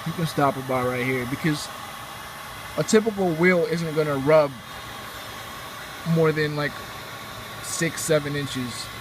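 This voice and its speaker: Over noisy background vehicle sounds, a young car-channel host speaks unhurriedly in a voice on the high side, leaving long pauses. He explains a how-to loosely and laid-back, wandering with plenty of fillers.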